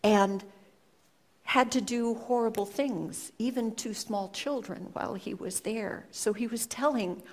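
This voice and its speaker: A woman giving a reflective storytelling talk to an audience, speaking in an earnest, measured way with pauses. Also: fairly high pitch. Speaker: speaker sharing a personal story.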